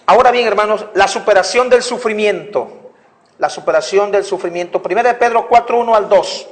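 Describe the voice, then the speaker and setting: A man's voice: high voice, fairly quick. A man preaching a sermon, emphatic, repeating his phrases and speaking directly to the congregation. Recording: echoey hall.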